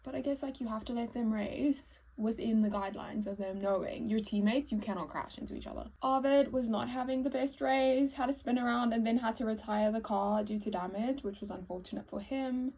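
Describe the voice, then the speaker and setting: A woman vlogger talks casually, as in a get-ready-with-me chat. Her voice sits a little high but is soft-edged and mellow, with plenty of vocal fry. She gives opinions conversationally, like a fan recapping events. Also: brisk, hardly any pauses, low-quality recording. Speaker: vlogger giving race recap.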